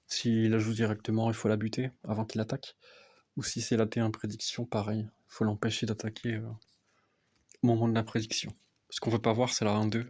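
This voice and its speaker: A young man softly explaining a card game deck as casual gameplay commentary, often hesitant with fillers. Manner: speaks softly, low volume. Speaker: card game content creator.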